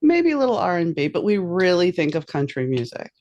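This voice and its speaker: A woman's voice: lowish voice, big pitch swings, brisk, a little mellow, highs cut off. Chatty woman host with rambling questions. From New Orleans. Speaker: podcast host. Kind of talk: casual interview chat.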